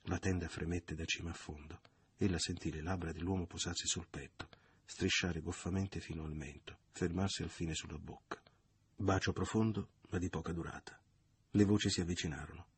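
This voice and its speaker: A man narrating a novel in a measured, literary audiobook reading. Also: low-pitched, steady tone, slightly rough.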